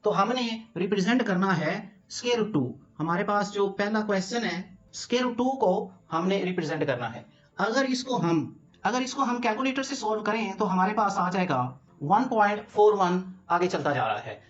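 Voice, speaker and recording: A man's voice: high-pitched, lively intonation, moderate pace, a bit bright, muffled recording. A man from Pakistan teaching a math lesson, explaining each step patiently in a mix of Urdu and English terms.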